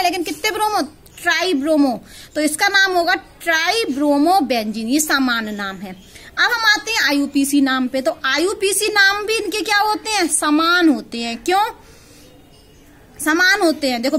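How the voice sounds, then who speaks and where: A woman's voice: extremely high pitch, fairly bright tone. A woman teaching a chemistry lesson in speech, often asking questions and answering them herself while repeating key words. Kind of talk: classroom-style lesson.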